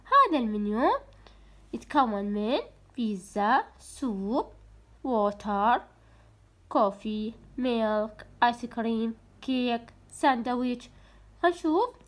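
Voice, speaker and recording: A young woman with an Iraqi Arabic accent teaching a recorded English lesson for young pupils. She explains in Arabic, says the English words slowly and clearly, and asks the children questions. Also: fairly high pitch, lively intonation, fairly bright tone. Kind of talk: recorded primary school lesson.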